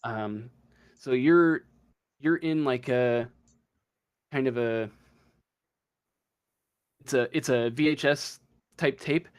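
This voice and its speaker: Running a tabletop game, a male game master haltingly improvises the story while thinking out loud. His voice is smooth and medium-pitched.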